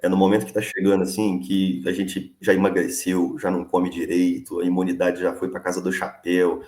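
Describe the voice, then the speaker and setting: A man's voice: low-pitched, monotone, a little fast, darkish tone, echoey room. A young man with a cold, a delivery worker organizing a strike, talking in earnest and plain words as a guest on a live show. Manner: earnest, plain-spoken, many fillers. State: sick with a cold, coughing. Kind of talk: casual live interview.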